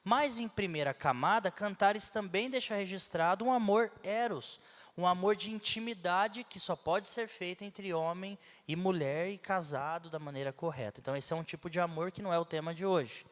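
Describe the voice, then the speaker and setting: A man's voice: high voice, normal speed, a bit bright. Man preaching in a reverberant church. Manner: conversational teaching with asides and rhetorical questions. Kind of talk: sermon. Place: church hall.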